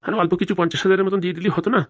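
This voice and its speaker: Woman as a stingy old cartoon husband, low and rapid, complaining. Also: level tone, natural voice. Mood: grumbling. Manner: grumbling and complaining. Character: old male husband, grumbling, stingy, timid.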